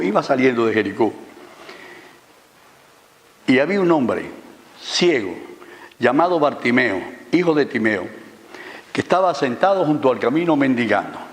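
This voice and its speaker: A man preaching a sermon, telling the story and asking the congregation questions. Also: mid-range voice. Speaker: pastor. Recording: reverberant church hall.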